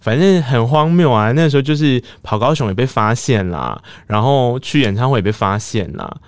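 A man in his thirties with a Taiwanese Mandarin accent, hosting a podcast and telling a story in a casual monologue, laughing and jumping up in pitch when excited. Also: moderate pace, no echo. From Tainan, Taiwan. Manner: animated, laughing, jumps high when excited. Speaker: podcast host.

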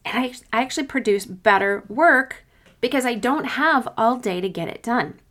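A woman's voice: fairly high pitch, expressive, normal speed, fairly bright tone. A woman hosting a solo coaching podcast, talking conversationally and giving informal, encouraging advice.

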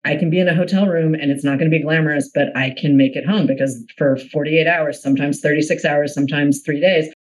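A woman's voice: deep voice, steady tone, quick pace, hardly any pauses, darkish tone, poor audio. Chatty, laughing woman podcast host. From Boston area. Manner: chatty, laughs often, rambling asides. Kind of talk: casual interview chat.

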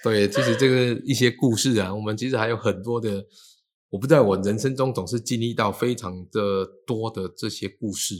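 A man tells his stories at a rapid clip in a low-set voice. He slips into the voices of the people he quotes as he goes. It is relaxed, chatty storytelling. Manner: animated, acts out quoted dialogue. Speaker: feng shui teacher. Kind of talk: casual storytelling chat.

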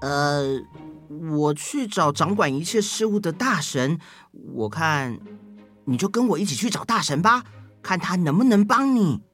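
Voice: medium pitch, expressive, unhurried, fairly bright tone, faint music behind. A performer with a Taiwanese Mandarin accent voicing a friendly, hesitant monkey who was once a young man. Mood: helpful. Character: helpful scratch-headed monkey, formerly a young man.

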